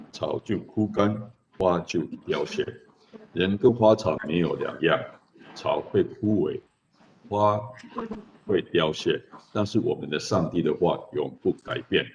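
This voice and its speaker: Very low male voice, measured scripture reading, dull lo-fi sound, faint hiss. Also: a little mellow. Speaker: church elder leading worship. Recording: dull lo-fi recording with faint noise.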